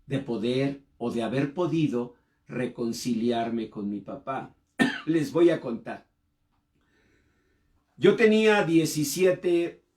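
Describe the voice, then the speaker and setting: A man preaching a sermon, telling a personal story with emotion and sudden rises in pitch and volume. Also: darkish tone. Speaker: pastor.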